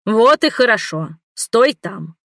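A woman voicing a cranky, lecherous old male magic appraiser, talking slowly with a grumbling, testy manner. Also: medium pitch, lively intonation, fairly bright tone, dry recording, studio quality, close to an everyday voice.

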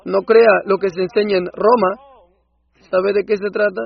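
Male preacher for a sermon dub: high, husky, impassioned, swells into loud outbursts, dull lo-fi sound. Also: steady tone, normal speed. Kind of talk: Spanish voice-over of a sermon.

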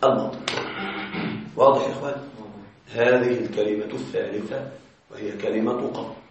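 A man's voice: mid-range voice, steady tone, moderate pace. A man teaching Arabic grammar in a classroom, explaining step by step and often checking that his students are following. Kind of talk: classroom lecture. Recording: echoey, distant, slightly muffled classroom recording.

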